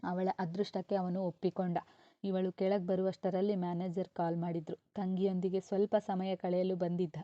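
A woman reads a serialized novel aloud, calm and unhurried. Her voice is deeply mellow and dark, with a flat, steady delivery. The recording is dull, slightly lo-fi and completely dry. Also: no room sound. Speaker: storyteller.

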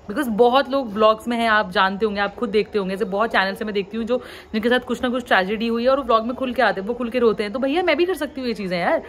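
Young pahadi woman vlogger ranting at commenters, mixes in english, faint hum behind. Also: a little high. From Uttarakhand, India. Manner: frustrated, venting, mixes English into Hindi. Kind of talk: candid talk to camera.

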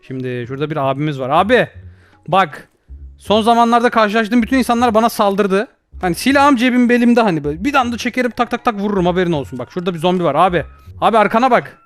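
A man's voice: high-pitched, lively intonation, quick pace, no echo, faint music behind. A young man doing jokey let's play commentary, panicking, yelping for help and joking at the game. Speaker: gaming YouTuber.

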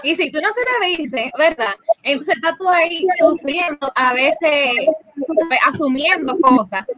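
A woman's voice: sits high, animated, a little slow, very noisy. A woman with a Dominican accent in a casual podcast chat, tagging her sentences with little questions. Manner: chatty, adds tag questions.

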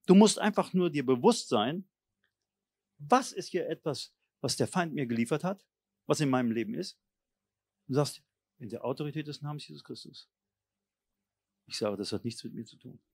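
A man preaching a charismatic sermon, moving between low, intense murmurs and loud, forceful exhortation in a blunt, colloquial manner. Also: animated, normal speed, creaky, pauses often, breathy edge, no room sound. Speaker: pastor.

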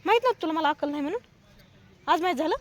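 A woman's voice: very high-pitched, animated, racing. A woman with a Marathwada Marathi accent chatting casually in her vlog, teasing and scolding in banter while walking outdoors on market day, tired from carrying a heavy bag, recorded on a handheld phone. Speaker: vlogger. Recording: noisy outdoor street recording.

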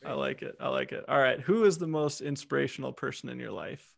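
A man hosting a podcast, easygoing and affirming as he reads out rapid-fire questions to his guest. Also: mid-range voice, creaky, no room sound. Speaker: podcast host. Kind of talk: casual podcast interview.

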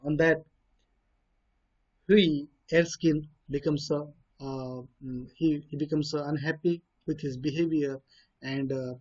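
A man's voice: fairly high pitch, steady tone, slow, a little mellow, breathy edge. A man with an Indian English accent reads a story and explains it in his own words, hesitating often with fillers and restarts. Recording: dull lo-fi recording.

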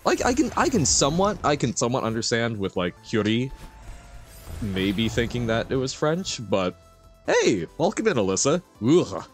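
Male streamer, hugely swooping pitch, playful chirpy chatter, gaming livestream, music behind. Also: sing-song, normal speed. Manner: chirpy and playful, with little sound words and exclamations. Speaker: live streamer. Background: game music.

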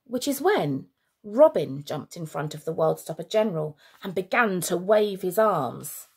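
A woman teacher reading a children's story aloud with expressive storytelling. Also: on the low side, unhurried, slightly rough.

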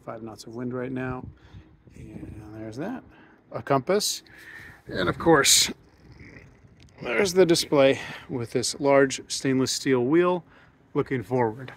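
A man who sells yachts, walking through a docked sailboat and describing it in a casual, unhurried way, often pausing with ums and uhs as he points things out. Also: mid-range voice, creaky, breathy edge. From United States. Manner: relaxed, thinks aloud with frequent ums and uhs. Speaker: yacht salesman giving a boat tour. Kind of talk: casual walkthrough narration. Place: aboard a docked sailboat, outdoors then in the cabin.

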